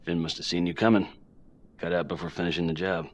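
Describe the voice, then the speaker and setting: An actor voicing a weary, placating male police sergeant who talks in a calming way. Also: low-pitched. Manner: quick, calming and conciliatory.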